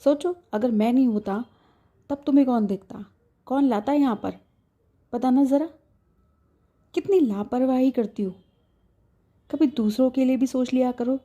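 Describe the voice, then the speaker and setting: A woman's voice: mid-range voice, fairly even intonation, moderate pace, mellow, lo-fi sound, close to an everyday voice. A woman storyteller voicing a young husband who scolds his wife out of worry. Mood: scolding. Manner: scolding, emotional.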